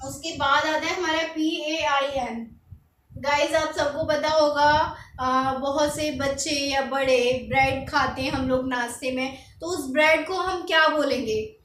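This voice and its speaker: High-pitched woman teaching, echoey room. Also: fairly even intonation, fairly bright tone, slight background noise. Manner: patient, repeats each word slowly. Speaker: French teacher. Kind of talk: explaining lesson. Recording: echoey room, mic far off.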